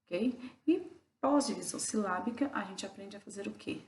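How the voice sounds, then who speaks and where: A woman's voice: medium pitch, slight background noise. Woman, teacher, video lesson, patient, sounds out syllables, roomy echo. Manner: patient, asks and answers her own questions; spells out syllables slowly. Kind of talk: recorded video lesson for children.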